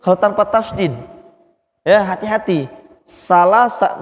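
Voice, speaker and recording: A man teaching Quran recitation, patiently drilling sounds and chanting slow, drawn-out verses. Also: high-pitched, muffled recording. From Indonesia. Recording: long reverb in a hall.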